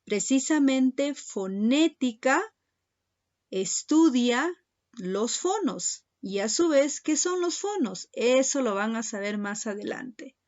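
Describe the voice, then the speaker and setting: A woman's voice: sits high, lively intonation, slow, a little mellow, muffled recording. A woman teaching a secondary school class in a recorded lesson, speaking patiently and addressing her students directly.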